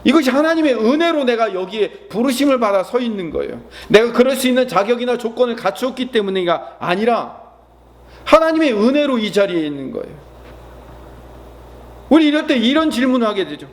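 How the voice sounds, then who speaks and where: A man's voice: very high-pitched, lively intonation, brisk. A man preaching at an early-morning prayer service, earnest and full of rhetorical questions. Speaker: pastor. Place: church.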